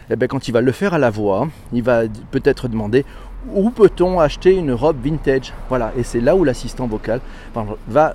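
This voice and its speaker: Podcast host, male, mellow tone, chatty and animated, laughs often. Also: mid-range voice. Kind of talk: casual chat reading listener messages.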